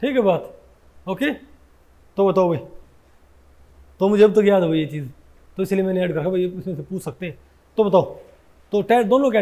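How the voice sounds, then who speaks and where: A man's voice: sits high, mellow. A male chemistry teacher giving a lecture, who keeps throwing questions at his students and corrects himself as he goes. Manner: keeps asking students questions, often says "bhai"; corrects himself mid-sentence. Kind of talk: Hindi classroom lecture.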